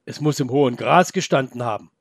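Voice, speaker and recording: A man voicing a calm, curious male wolf with a rough, gravelly voice, speaking slowly in a storybook reading. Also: mid-range voice, dry recording, clean studio sound, close to an everyday voice.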